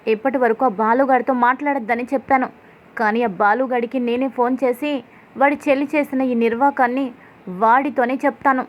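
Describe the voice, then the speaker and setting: A woman's voice: sits high, steady tone, a little fast, close to an everyday voice. Harsh scolding young husband, as a woman reads him. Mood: angry. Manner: shouting, scolding, rough insults.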